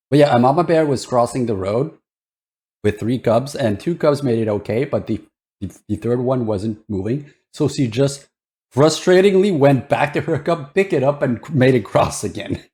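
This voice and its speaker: A man's voice: mid-range voice, unhurried, darkish tone. A man chatting casually as a reacting streamer, rambling and hesitant as he thinks aloud. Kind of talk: casual livestream reaction chat.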